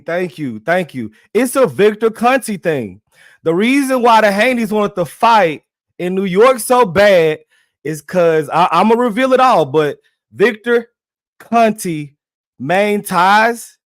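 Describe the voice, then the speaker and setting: A man's voice: sits high, dry recording, clean studio sound. A young man, animatedly hosting a casual livestream and repeating himself as he talks straight to his viewers in slang. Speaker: livestream host.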